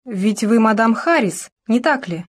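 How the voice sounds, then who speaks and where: A male chief inspector, formal and insistent, pressing for a word, read by a woman in an audiobook. The voice dips slightly lower than her narration. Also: expressive, a little slow.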